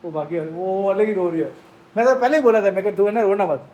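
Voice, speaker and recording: A woman's voice: medium pitch, a little fast, dark tone, lo-fi sound. A woman at home talking to her young children, coaxing and scolding them in repetitive, speech. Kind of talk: casual family home video.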